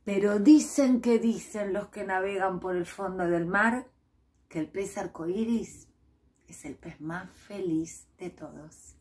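A woman with a Rioplatense Spanish accent telling a children's story with expressive, drawn-out emphasis. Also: medium pitch.

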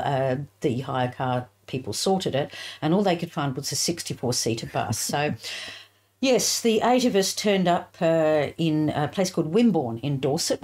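Chatty woman, lively storyteller. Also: sits low. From England. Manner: chatty, laughing storyteller with filler words. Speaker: guest author. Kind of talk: casual storytelling interview.

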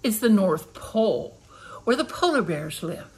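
A woman's voice: medium pitch, very animated, measured pace, slightly rough, full character voice, poor audio. A woman voicing Grandfather Bear, a kindly old bear who explains things patiently in a storybook. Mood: explaining.

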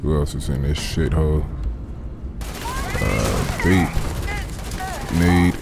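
A man's voice: rumbling low, expressive, very slow, gravelly, noisy background. A man casually narrating his video game play, laid-back and crude, muttering to himself as he loots and picks locks. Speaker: gaming commentator. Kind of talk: casual let's play commentary.

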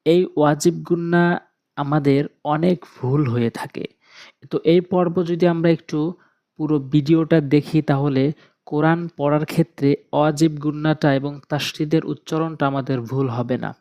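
A man with a Bengali accent teaching Quran recitation in a video lesson, spelling out Arabic letters slowly syllable by syllable. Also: a little high, fairly even intonation, mellow. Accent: Bangladeshi Bengali.

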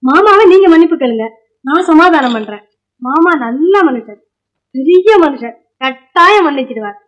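An actress playing a bold young singer woman in a 1950s film, quick and cheeky in her retorts. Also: high voice, animated. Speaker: singer staying in the house.

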